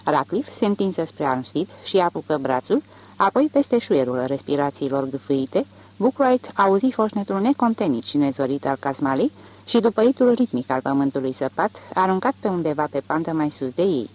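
An audiobook narrator reading literary fiction in a measured way. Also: mid-range voice, sing-song, low-quality recording.

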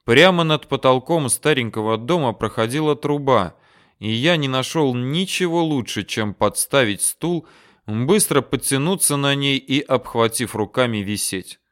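Brief: male narrator, resonant clear voice, steady first-person audiobook reading. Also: medium pitch, a little slow.

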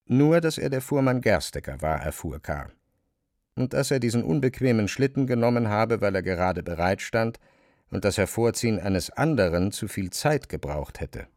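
A man reading literary narration for a radio play, measured and even. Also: fairly low pitch, dry recording, clean studio sound.

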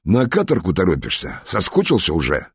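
A man's voice: deep voice, wildly swooping pitch, brisk, slightly rough, dry recording, clean studio sound, full character voice. A man voicing a commanding, curt male general in an audiobook. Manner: authoritative, curt. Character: commanding stern male general, middle-aged.

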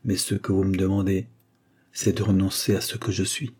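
A man's voice: sits low, little pitch movement, moderate pace, darkish tone, husky. A man voicing a torn young aristocratic son in an audiobook, speaking in a hesitant murmur.

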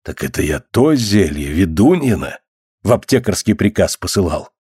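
A man's voice: deep voice, very animated, normal speed, darkish tone, husky, no echo, clean studio sound, pitched below the performer's own voice, full character voice. A man reading the part of a proud old-Russian boyar in an audiobook, speaking in a grave, archaic, indignant way. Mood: shocked. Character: proud, angry middle-aged old-Russian boyar lord.

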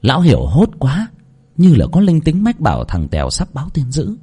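A man's voice: fairly high pitch, huge pitch swings, fairly quick, warm tone, slightly rough. A man reading a horror story aloud in a dramatic, vivid narration.

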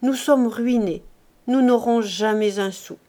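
A woman voicing a manipulative middle-aged wife who speaks in a soft, plaintive tone. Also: a little high, unhurried, natural voice. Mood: feigned despair. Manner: feigned despair, soft and plaintive.

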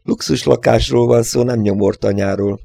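A man's voice: medium pitch, steady tone, vocal fry, mellow, no echo. A man voicing a stubborn, matter-of-fact male reasoner in a storybook reading. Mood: insistent.

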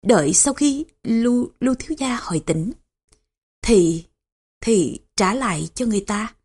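Frail dying old man, read by a woman, stammering, slow, husky thin voice. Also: medium pitch, darkish tone. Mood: frail, faltering. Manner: stammering, faltering weak speech.

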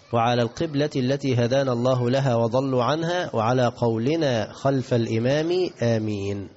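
A sheikh with an Egyptian accent teaches hadith in a religious lesson, questioning his listeners and answering himself while mixing classical and colloquial Arabic. His voice is mid-range and a little mellow, captured in a dull recording in a reverberant hall.

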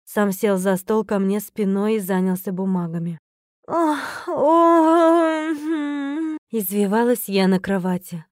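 A woman reads a first-person novel aloud with a playful, teasing lilt. Her voice is mellow and soft-edged. The recording is close and dry, with no room around it. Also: medium pitch, steady tone, normal speed, hardly any pauses, no room sound. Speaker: audiobook narrator.

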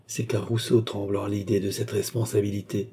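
A man plays an anxious aging philosopher in an audiobook. He speaks nervously and cautiously, in a low, dark and husky voice. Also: level tone, fairly quick. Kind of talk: audiobook reading.

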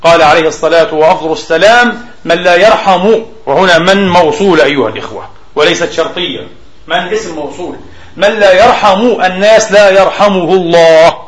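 A man delivering a sermon, stretching out quoted texts slowly and pausing to explain words. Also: sits high, roomy sound, crowd noise, poor audio. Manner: slow emphatic recitation of quotes, explanatory asides. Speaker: preacher. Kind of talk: Friday sermon.

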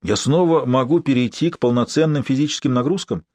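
A man's voice: medium pitch, a little fast, darkish tone, no room sound, lightly acted. A male narrator voicing a sardonic young ruler who grumbles and mocks his friend, in an audiobook. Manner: sarcastic, grumbling.

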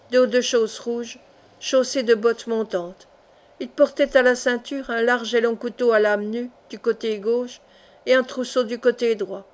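A woman narrating a classic adventure novel in a measured, expressive audiobook reading. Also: fairly high pitch. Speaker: audiobook reader.

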